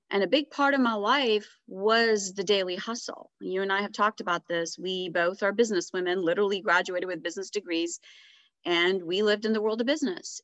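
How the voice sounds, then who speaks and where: A woman's voice: mid-range voice, dry recording. A middle-aged woman guest on a podcast, telling her story in a reflective, casual way. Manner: reflective, animated when retelling dialogue. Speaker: guest author. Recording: dry, slightly dull podcast audio.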